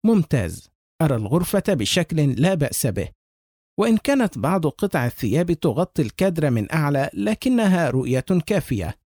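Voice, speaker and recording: A man's voice: on the high side, sing-song, brisk, darkish tone, no room sound, clean studio sound. A man narrating a horror story with tense, suspenseful delivery.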